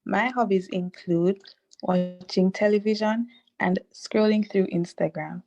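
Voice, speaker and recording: Slow-speaking woman in her twenties. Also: medium pitch, steady tone, darkish tone, slight background noise, rough recording. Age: 20s. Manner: slow and deliberate. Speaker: quiz contestant. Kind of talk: reading prepared answers.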